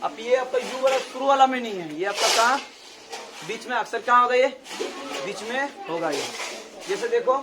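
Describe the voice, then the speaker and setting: A woman's voice: fairly high pitch, animated, normal speed, long pauses, background noise. A woman teaching a class on English pronunciation. She spells words out letter by letter and keeps asking her students whether they follow. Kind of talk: classroom lesson.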